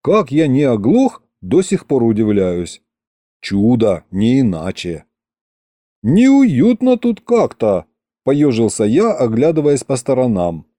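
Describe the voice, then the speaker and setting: A man narrates a funny adventure in the first person with a wry, humorous touch. His delivery is slow, with a lively, wide-ranging pitch. The sound is dry and close, the tone mellow. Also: dry recording.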